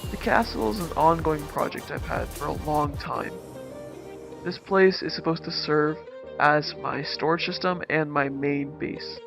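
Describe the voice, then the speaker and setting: A man speaking through a voice changer as he hosts a relaxed, easygoing tour of his game world. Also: fairly high pitch, unhurried, vocal fry. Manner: laid-back, easygoing, talks while touring his builds. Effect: voice changer disguising his voice. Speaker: gaming channel host. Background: background music.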